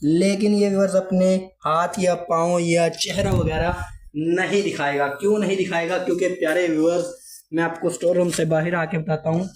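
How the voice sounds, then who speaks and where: A Pakistani man with a high voice and fairly even intonation vlogs casually to his viewers at a normal pace, his throat sore from a cold. He's chatty and keeps addressing his audience while narrating from a hot store room in a village house. There's slight background noise.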